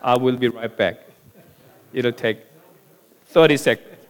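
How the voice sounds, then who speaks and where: A man preaching a sermon as pastor, telling a joke in a slow, deliberate storyteller's manner. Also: medium pitch, smooth.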